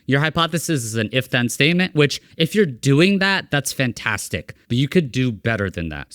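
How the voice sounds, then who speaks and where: A man's voice: mid-range voice, a bit bright, no echo, clean studio sound. A man hosting a podcast, explaining ideas step by step in a casual conversation. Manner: explanatory, laying points out step by step. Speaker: podcast host.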